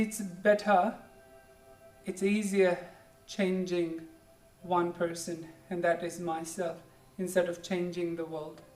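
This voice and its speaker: A medium-pitched yoga instructor from India, in their 40s, leads a class and gives a pep talk in Indian-accented English, their first language being Hindi or Punjabi. Cues are gentle, encouraging, simple and repeated, with "good" said constantly. The distant mic catches an echoey room and faint music.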